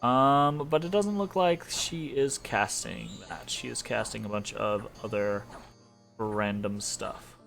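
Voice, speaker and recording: This young man's voice is medium in pitch, slow, gravelly and fairly bright, heard over soft background music. Sniffly and congested from allergies, he rambles through casual strategy-game commentary with lots of fillers and small laughs.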